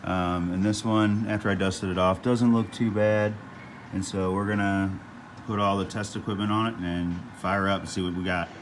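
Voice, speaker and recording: Male repair host, low register, casual and halting, thinks aloud, faint fan noise on the recording. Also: level tone. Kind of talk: casual hands-on repair walkthrough. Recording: noisy fan hum over the voice. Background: whirring fan noise.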